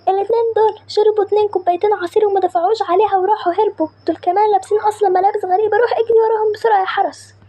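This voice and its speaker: A woman voicing an angry female juice seller who shouts at thieves, in an Egyptian accent. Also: very high-pitched, steady tone, racing, voice pushed up. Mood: indignant. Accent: Egyptian Arabic.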